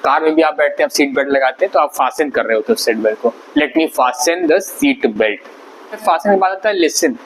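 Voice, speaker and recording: A man's voice: a little high, very fast, hardly any pauses, rough recording. A man teaching an English vocabulary lesson, explaining patiently and repeating words syllable by syllable. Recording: faint background noise.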